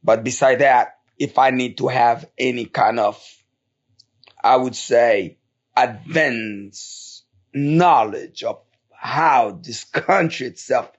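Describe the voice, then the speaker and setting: A man from Haiti with a Haitian Creole accent, hosting a casual interview and talking in animated, emphatic bursts. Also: mid-range voice, takes it slowly, highs cut off. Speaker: talk show host.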